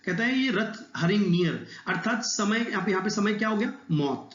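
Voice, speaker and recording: A male literature teacher lectures to his students, mixing English terms into his explanations and drawing out quoted verse slowly. His voice sits fairly high. The sound is dull and lo-fi, with a roomy echo around it. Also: lively intonation, a bit bright. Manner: addresses students directly, explanatory.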